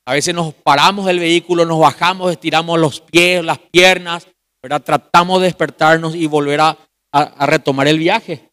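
Male pastor, youth sermon, somewhat high voice, sudden drops to a hush. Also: fairly even intonation, clean tone. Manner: addresses listeners as brother, asks rhetorical questions; swings from loud emphasis to quiet, drawn-out phrases.

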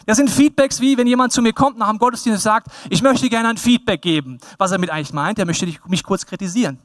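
High-voiced pastor preaching animatedly. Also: male voice, fast, no room sound, studio quality. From Bavaria. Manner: lively, animated, acts out quoted people in raised voice. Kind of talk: sermon.

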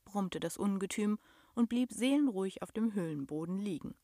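A woman's voice: mid-range voice, no room sound, clean studio sound. A young adult woman narrating a storybook expressively, sinking to a whisper at tense moments. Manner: expressive, slow, drops to a whisper. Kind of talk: storybook reading.

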